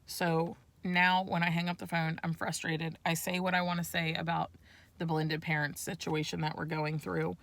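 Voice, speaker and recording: Woman, 30s, frustrated emphatic mom venting alone in her truck, bright voice. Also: on the low side, no echo. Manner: frustrated, emphatic, grows loud. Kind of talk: casual rant.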